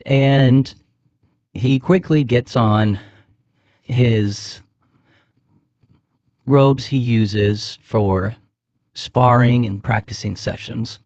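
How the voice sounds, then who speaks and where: A man's voice: medium pitch, steady tone, extremely slow, pauses often, a little mellow, dry recording. Hesitant man on a dull, dry mic. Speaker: player. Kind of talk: describing his character's actions.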